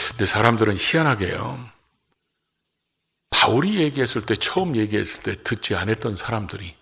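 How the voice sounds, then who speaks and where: Gravelly, husky male pastor preaching. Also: on the low side. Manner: rises to loud emphatic peaks, acts out quoted voices. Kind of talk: sermon.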